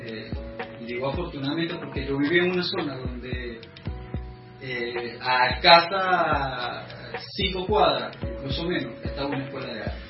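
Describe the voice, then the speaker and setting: A Venezuelan man in his thirties talks through his story, pausing often with hesitant fillers. His voice sits at a middle pitch and is picked up from a distance in a roomy space. The recording is dull and lo-fi, with music playing underneath. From Venezuela, the llanos. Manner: thoughtful, many hesitant fillers. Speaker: guest artist. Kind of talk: casual interview. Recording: echoey room, distant lo-fi mic, music.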